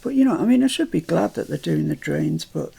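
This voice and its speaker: A woman's voice: low-pitched, expressive, a little fast, gravelly, warm tone, husky. An older British woman chatting through a crafting tutorial at home, rambling into asides as she works.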